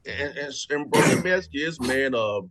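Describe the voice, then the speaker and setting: A man's voice: medium pitch, lively intonation, moderate pace, heavy background noise. A man hosting a show, interviewing casually and saying "man" and "bro" a lot. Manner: casual, friendly, says "man" and "bro" often. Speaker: show host. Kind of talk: radio interview.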